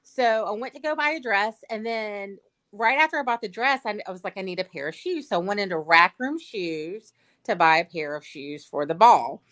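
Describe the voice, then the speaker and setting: Speaking with a Southern US accent, a woman who works as a paralegal appears as a sweepstakes guest on a livestream video call, telling a chatty, casual story. Her mid-range voice is animated and a bit bright, moving at a normal speed.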